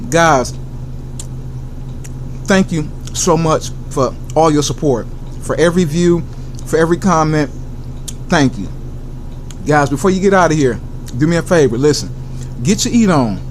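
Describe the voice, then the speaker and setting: A man's voice: on the high side, slight background noise. An American man hosting a casual, enthusiastic food review, addressing viewers directly with catchphrases and answering his own questions.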